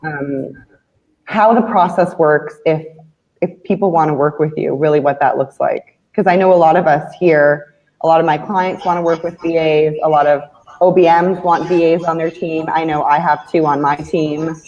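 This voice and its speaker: A woman's voice: low voice, fairly even intonation, normal speed, a little mellow. A woman hosting a live online interview, talking casually with many restarts and fillers. Her voice comes through a video call and echoes back from a second device. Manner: chatty, with many restarts and "you know" fillers. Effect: echo of her own voice from a second device. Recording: dull lo-fi video call audio with echo.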